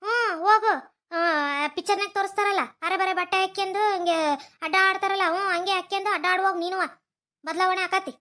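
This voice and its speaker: A nagging old mother-in-law in a cartoon comedy, played by a woman, with a very high and bright voice. She mocks her daughter-in-law in a North Karnataka Kannada accent. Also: steady tone, brisk. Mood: taunting. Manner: nagging, mocking. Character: older village mother-in-law, nagging and meddling.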